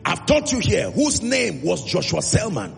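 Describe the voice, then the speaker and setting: Nigerian man, preacher, sermon, high voice, gravelly edge, long hall echo. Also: huge pitch swings. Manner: emphatic, call-and-response, drawn-out phrases. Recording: reverberant hall with music.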